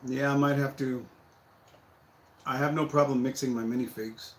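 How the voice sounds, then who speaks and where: A man's voice: medium pitch, moderate pace, a little hiss or hum. Man, casual livestream chat, thinking aloud, roomy echo. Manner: relaxed, thinking aloud, self-deprecating. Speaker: host building a brick set on livestream.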